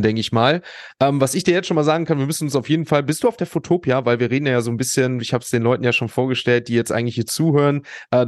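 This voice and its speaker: A man's voice: mid-range voice, darkish tone. A man hosting a podcast interview who talks with enthusiasm in long, run-on sentences. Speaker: podcast host.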